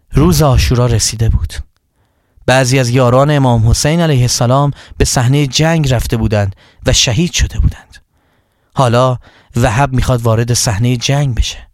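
A male storyteller telling a religious story to children in an expressive narrating voice. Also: medium pitch, dry recording, studio quality.

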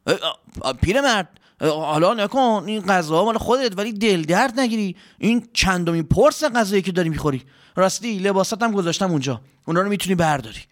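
An eager, chatty servant, played by a male storyteller talks in a raised, lively voice. He piles on exclamations, quick and animated. It is a children's audio story. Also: sits high, pitched above the performer's own voice. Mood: fussing.

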